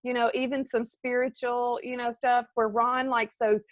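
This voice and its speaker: Brief: middle-aged woman, team leader, animated pep talk, slightly high voice, dry close sound. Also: normal speed, dry recording. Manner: animated, talks straight to viewers by name. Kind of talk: motivational live video talk.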